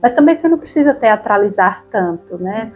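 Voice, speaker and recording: A woman with a Brazilian Portuguese accent co-hosting a relaxed conversation about reading aloud to children, often tagging her sentences with questions. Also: mid-range voice, fairly quick, soft background music. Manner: relaxed, chatty, frequent tag questions. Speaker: podcast co-host.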